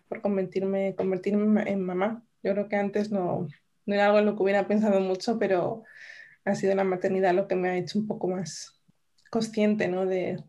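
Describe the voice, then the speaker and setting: A woman, a mother and podcast co-host, chatting casually and thoughtfully, often restarting her sentences and filling pauses. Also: medium pitch, dark tone. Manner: reflective, with many restarts and fillers.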